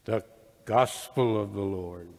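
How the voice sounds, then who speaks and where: Older guy deacon reading gospel, slow n measured, big cathedral echo. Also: lowish voice, creaky, a little mellow. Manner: measured, deliberate phrasing. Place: large church, at the ambo. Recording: cathedral echo, long church reverb.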